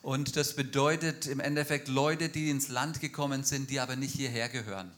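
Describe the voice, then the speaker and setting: Bright-voiced male church interpreter. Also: mid-range voice, steady tone, brisk. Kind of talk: live consecutive interpreting in a church.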